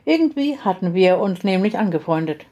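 Woman narrating a story with a dark tone. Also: mid-range voice, animated, a little fast, dull audio. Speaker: audiobook reader. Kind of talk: first-person story narration.

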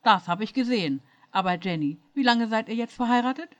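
A woman's voice: on the high side, animated, a little fast, voice pushed up, lightly acted. Jean-Luc, a woman reading as a stern captain. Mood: scolding. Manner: scolding, lecturing. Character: stern angry male starship captain.

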